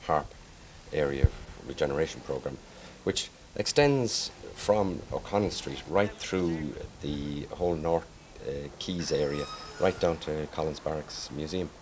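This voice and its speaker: A man's voice: very deep voice, unhurried. A man explaining plans formally in an interview, as a city official. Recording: faint background noise.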